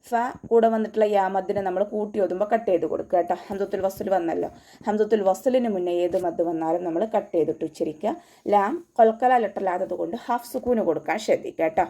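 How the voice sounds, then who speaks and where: Woman teaching recitation, mellow voice. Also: mid-range voice. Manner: patient step-by-step instruction with slow chanted recitation. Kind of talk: online recitation class with sung recitation.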